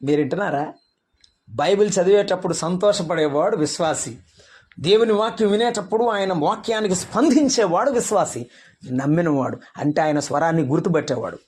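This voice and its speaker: A man's voice: sits high, expressive, brisk, darkish tone, husky. A man preaching a sermon as pastor, firing rhetorical questions at the congregation.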